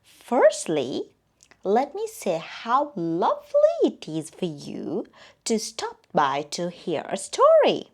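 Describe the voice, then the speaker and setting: Taking on the role of a friendly owl, a woman with a medium-pitched voice narrates a children's story slowly and expressively, often sinking to a whisper.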